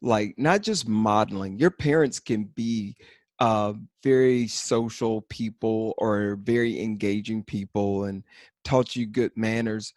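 A man's voice: on the low side, slow, no room sound. Chatty man with a dry, close sound. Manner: rambling, animated, lots of fillers and restarts. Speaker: podcast co-host. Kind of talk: casual chat.

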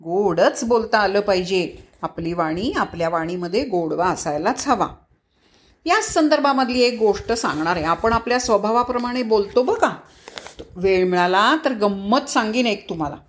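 A woman telling a moral story to children, speaking lively and asking them questions that she answers herself. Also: medium pitch. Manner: sings devotional verse slowly.

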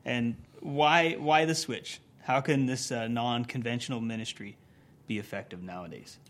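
A man hosting an interview, asking supportive questions in a halting way with fillers. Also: medium pitch, fairly bright tone. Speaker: interviewer, host. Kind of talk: interview conversation.

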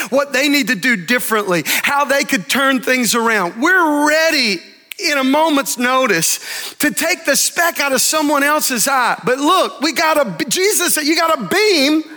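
A man preaching a sermon as pastor, animated, with dramatic pauses and acted-out story voices. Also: very high voice. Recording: long reverb of a large hall.

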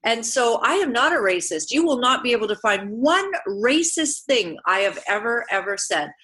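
A woman's voice: a little high, sing-song, normal speed, sharp tone, rough recording. A woman born in Uganda hosting a political talk show, speaking earnestly and emphatically. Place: Vancouver area.

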